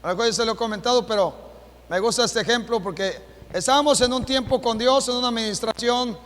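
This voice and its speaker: A Mexican man preaching a sermon as pastor, with a Mexican Spanish accent, asking the congregation rhetorical questions and rising to shouts. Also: very high voice, fast talker. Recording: long hall reverb.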